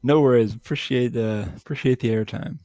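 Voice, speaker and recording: A man guesting on a podcast, chatting casually in a halting way full of fillers and restarts. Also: medium pitch, dark tone, no echo, studio quality. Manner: halting, filler-heavy, laughs easily. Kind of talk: casual chat.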